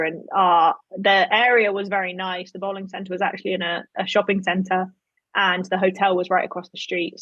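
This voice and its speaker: A woman's voice: mid-range voice, a bit bright, no room sound, muffled recording. A woman guest, a professional bowler, chatting casually and laughing easily in a podcast interview.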